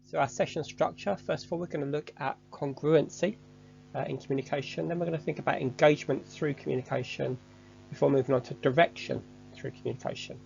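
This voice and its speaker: A man giving a measured, structured, scripted online lesson as a course instructor. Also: a little high, fairly even intonation, vocal fry, darkish tone, highs cut off, a little hiss or hum.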